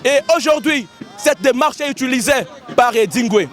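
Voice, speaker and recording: A man with a hoarse voice, giving live, excitable commentary at an outdoor wrestling gala and often repeating his lines. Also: very high-pitched, moderate pace. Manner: excitable, shouting, repeating phrases. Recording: outdoor event with loud crowd and music.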